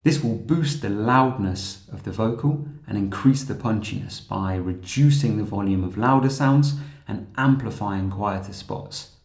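A man narrating a scripted software tutorial in a calm, steady, explanatory way. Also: on the low side, unhurried, echoey room.

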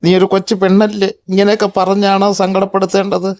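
A man's voice: high-pitched, monotone, fast talker, a little mellow, no echo, voice pushed up. A man voicing a tearful, fussy older female cat in a pet vlog, whining and scolding. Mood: whiny scolding.

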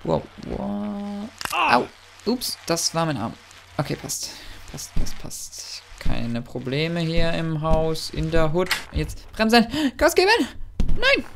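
A man giving excitable, chatty commentary while playing a game, often yelping and exclaiming. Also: on the high side, takes it slowly, creaky, slight background noise. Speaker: let's player.

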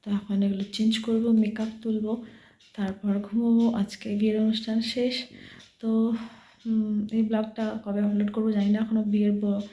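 A woman talks to her phone camera late at night, keeping her voice low and soft so she wakes no one. Her tone is dark and mellow with a flat, even pitch. The bedroom lends a roomy echo. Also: brisk. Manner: speaking quietly and softly so as not to wake sleepers. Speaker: vlogger. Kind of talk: late-night vlog talk to viewers. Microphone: phone camera held by hand.

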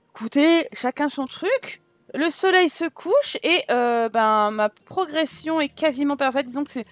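A woman's voice: a little high, no echo. A woman with a southern French accent giving casual let's-play commentary, chatting to her viewers and thinking aloud as she decorates. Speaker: gaming YouTuber.

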